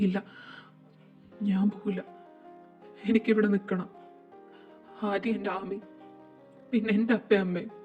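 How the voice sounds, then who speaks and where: Woman reading an emotional fan drama. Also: on the low side. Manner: dramatic, voices all characters, halting with grief. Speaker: fan fiction narrator. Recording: dull lo-fi with faint music.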